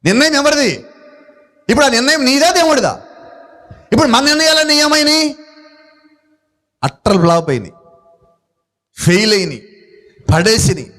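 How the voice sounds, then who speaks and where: High-voiced man preaching a sermon. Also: a bit bright. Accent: Telugu. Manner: asks the congregation questions and answers them. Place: church gathering.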